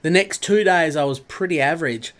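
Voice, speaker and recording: While playing a racing game on stream, a chatty Australian man calls out viewers by name and keeps the talk casual. His fairly high, slightly bright voice moves fairly quickly and sounds congested and nasal, thanks to a cold.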